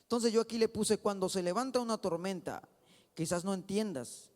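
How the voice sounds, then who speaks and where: A man preaching a sermon in a church with a Mexican Spanish accent, dropping low and then shouting his exhortations. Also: normal speed. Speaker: pastor. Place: church sanctuary. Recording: long hall reverb.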